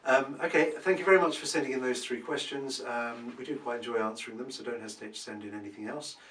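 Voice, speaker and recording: A man, a property expert answering viewer questions in a casual Q&A, relaxed and thinking aloud with many ums. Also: medium pitch, fast. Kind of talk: casual advice Q&A. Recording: roomy, from a distance, faint background hum.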